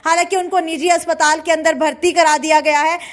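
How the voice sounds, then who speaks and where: A woman's voice: extremely high pitch, flat delivery, fairly quick. A woman presenting a breaking news bulletin in semi-formal spoken delivery, leaning on repeated filler phrases.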